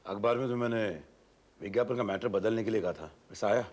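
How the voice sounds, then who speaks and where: An actor playing a brisk, direct investigator who questions his team and gives orders in a TV serial. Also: lowish voice, a little mellow, close to an everyday voice. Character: commanding retired officer detective, brisk. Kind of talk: TV serial acting.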